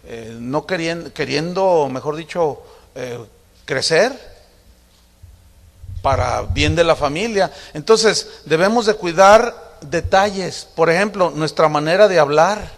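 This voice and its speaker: Middle-aged man, pastor, chatty sermon with acted-out family anecdotes, fairly high voice, long hall reverb. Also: slow. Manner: conversational storytelling, acting out family dialogue with humor.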